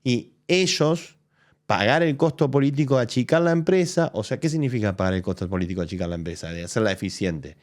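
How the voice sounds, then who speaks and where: A man with an Argentine Spanish accent hosts a live show as a political commentator, reacting to a press conference in casual commentary. His medium-pitched voice moves fast, animated and argumentative, as he thinks aloud and keeps restarting.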